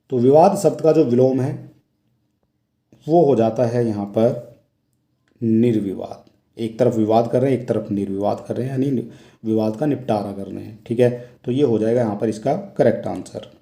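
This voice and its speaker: Male Hindi tutor, very dark mellow voice, roomy echo, patient step-by-step exam walkthrough. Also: mid-range voice. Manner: explains step by step, repeats each question aloud. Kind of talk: exam question walkthrough lesson. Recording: echoey room.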